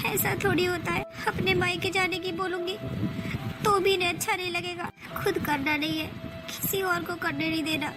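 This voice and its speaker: A woman acts out a young daughter-in-law stuck in bed after giving birth, who is forever complaining and pleading. Her voice sits very high. Music plays behind her in this family comedy skit. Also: steady tone, moderate pace, rough recording. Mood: aggrieved.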